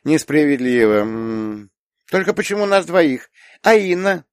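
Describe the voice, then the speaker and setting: A man voicing a gentle, hesitant young woman. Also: on the high side, sing-song, unhurried, smooth, no echo, clean studio sound, voice pushed up. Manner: soft, hesitant, lifted voice. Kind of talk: audiobook character voice.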